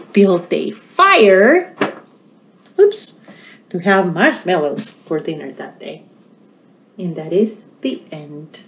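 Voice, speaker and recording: A middle-aged children's librarian hosts storytime in a small indoor room, recorded on a home webcam with roomy, echoey sound and slight background noise. Her pitch swings in a lively way and she takes her time, speaking animatedly and directly to the little ones.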